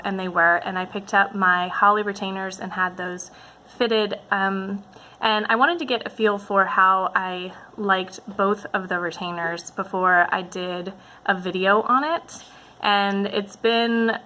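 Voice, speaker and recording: Bright-voiced woman, casual vlog. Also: medium pitch, a little hiss or hum. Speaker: vlogger talking to subscribers. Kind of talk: casual update vlog to camera.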